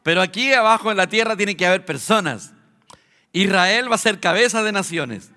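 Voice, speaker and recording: A man with a Chilean Spanish accent preaching a sermon to a congregation, teaching conversationally with filler pauses. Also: high-pitched, animated, pushed and bright. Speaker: pastor. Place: church hall. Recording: long hall reverb.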